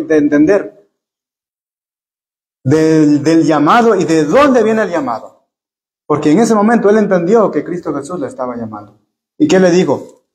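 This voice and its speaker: A man preaching at a church Bible study, pitched somewhat high for a man. He talks earnestly and often turns to his listeners as brothers. He tends to repeat words while he looks for the right phrasing. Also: a little mellow. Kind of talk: Spanish-language church Bible study sermon.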